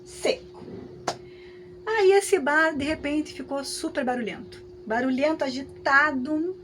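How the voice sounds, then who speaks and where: A woman with a Brazilian Portuguese accent teaching a class, talking in a lively, conversational way with frequent tag questions. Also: high voice, a little slow, noisy background. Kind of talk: lecture with hypothetical examples.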